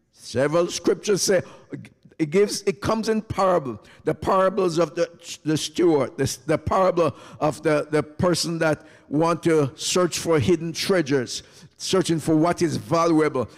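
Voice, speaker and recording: Fervent preaching man, sing-song cadence. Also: a little high. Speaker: pastor. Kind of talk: sermon. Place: church sanctuary. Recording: long church hall reverb.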